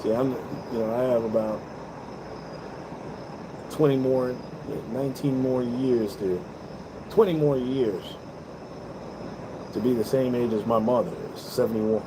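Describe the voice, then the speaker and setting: A man in his fifties talks outdoors, rambling and earnest as he hands out life advice, circling back over the same points and swearing along the way. His pitch sits in a normal middle range. Steady traffic and air-conditioner hum run clearly behind him. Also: measured pace, long pauses. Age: 50s. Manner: earnest, rambling, profane, repeats himself. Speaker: vlogger. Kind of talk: casual advice monologue. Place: balcony, outdoors.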